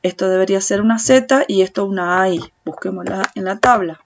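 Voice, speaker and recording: A woman with a Rioplatense Spanish accent who teaches Chinese in a patient tutorial, repeating sounds slowly and speaking directly to the viewer. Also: medium pitch, highs cut off, a little hiss or hum. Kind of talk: slow step-by-step tutorial explanation.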